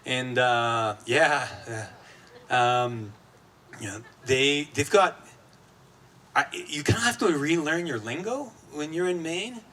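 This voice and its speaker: A man's voice: a little high, takes it slowly, pushed and bright. Casual conference speaker, a man. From Guatemala. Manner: casual, conversational speaker with fillers and restarts. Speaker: executive director of an advocacy group. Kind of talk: conference keynote speech. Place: conference stage.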